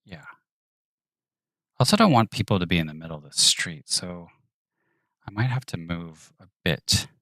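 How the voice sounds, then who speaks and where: Male streamer, deep voice, close and dry, muttering commentary while he works. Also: expressive, moderate pace, pauses often, fairly bright tone, dry recording. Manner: thinks aloud, muttering and whispering to himself. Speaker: 3D artist streaming his work. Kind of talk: live-stream narration of work.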